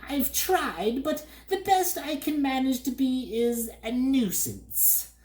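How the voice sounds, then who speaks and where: A woman voicing a dirty, haughty male bird who snatches words, with a shrill, drawn-out, cackling voice. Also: expressive, a little mellow, reverberant. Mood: sad.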